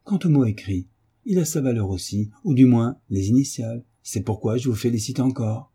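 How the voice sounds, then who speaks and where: Dry, teasing detective, as a male reader puts him on, dark husky voice. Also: medium pitch, expressive, normal speed. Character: calm, ironic male detective. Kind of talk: audiobook character reading.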